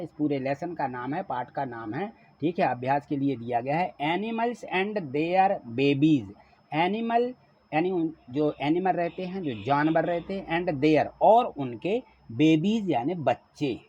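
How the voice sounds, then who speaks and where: Male teacher, fairly high voice, husky, spells words letter by letter, asks questions. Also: mellow. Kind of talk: classroom lesson explaining a worksheet. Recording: dull lo-fi recording.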